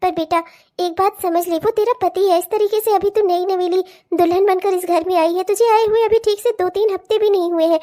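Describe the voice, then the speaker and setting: Casting: woman as a high-voiced cartoon mother-in-law, honeyed and sly. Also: steady tone, brisk, mellow. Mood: coaxing. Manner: coaxing, motherly. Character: soothing middle-aged mother-in-law, cunning. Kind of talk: cartoon voice acting.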